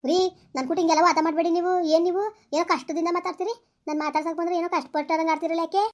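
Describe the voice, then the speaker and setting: A woman's voice: extremely high pitch, steady tone. A woman playing a suspicious, hurt young pregnant wife who nags her husband in a village comedy skit. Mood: reproachful. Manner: complaining, questioning, rapid.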